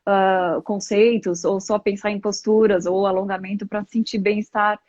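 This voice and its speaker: A middle-aged Brazilian woman, a yoga practitioner appearing as a live interview guest, talks in a reflective, conversational way and illustrates her points with examples. Her medium-pitched voice is flat and darkish, at a normal pace with no echo. The live stream audio is dull and lo-fi.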